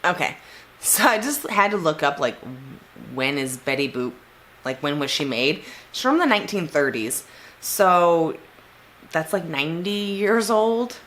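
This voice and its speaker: A woman's voice: fairly low pitch, animated, a little slow, a bit bright. A young woman with a nasal voice, chatting casually in a vlog as she reviews a subscription beauty box, giving frank opinions with fillers. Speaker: beauty vlogger.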